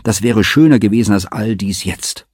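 A proud young noblewoman, bitter and heated, as a man reads her aloud. Her lines come breathy and husky, pitched above the reader's deep register, with a close, dry sound and no room around it. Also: expressive, moderate pace, a little mellow, dry recording, exaggerated voice. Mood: furious. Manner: passionate, scornful, heated. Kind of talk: audiobook reading.

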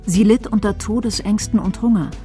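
A woman narrating a documentary report in a calm, measured way. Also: medium pitch, faint music behind.

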